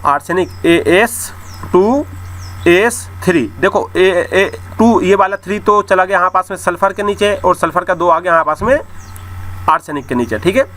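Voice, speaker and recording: A man's voice: high voice, brisk, pushed and bright. A male chemistry teacher, giving an online class lecture, explaining step by step and talking straight to his students with many repetitions.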